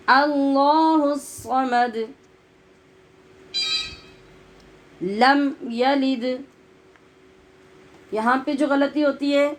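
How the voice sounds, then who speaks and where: A woman gives a tajweed lesson, her voice sitting a little high. She explains pronunciation mistakes in plain teaching speech. She then models each word and verse in a slow, drawn-out recitation. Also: rough recording.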